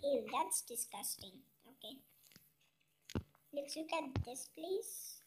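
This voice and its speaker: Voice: animated, takes it slowly, noisy background. A gaming channel host talking through a puzzle game in a chipmunk voice effect, chatty and often asking "okay?". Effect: chipmunk voice, sped-up high-pitched filter. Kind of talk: casual let's-play commentary.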